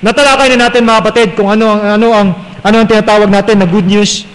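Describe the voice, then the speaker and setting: A man's voice: high voice, flat delivery, racing. A man with a Filipino accent preaching a sermon as pastor, mixing Tagalog and English and often asking the congregation "right?". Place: church sanctuary. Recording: long reverb in a church hall.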